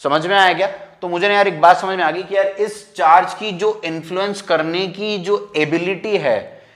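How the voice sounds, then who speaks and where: A man teaching a physics lecture, talking informally and keeping on asking whether the students understand, then slowing down to dictate definitions word by word. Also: high-pitched, steady tone, fairly bright tone. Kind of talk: classroom lecture, mixing Hindi and English.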